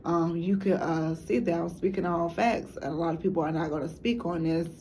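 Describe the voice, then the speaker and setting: A documentary maker and narrator from Chicago, with a Chicago accent, talks to camera in a low-ish, dark, fairly quick voice with slight background noise. Her storytelling is loose, casual and meandering, often restarting sentences.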